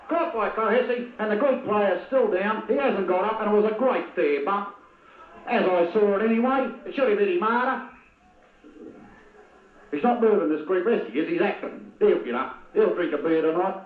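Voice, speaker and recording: Blunt, partisan football caller with a high voice, recorded in an echoey space. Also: male voice. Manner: blunt, opinionated, heckles players by name. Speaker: football commentator. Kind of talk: partisan amateur match commentary. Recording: tinny lo-fi old video with echo.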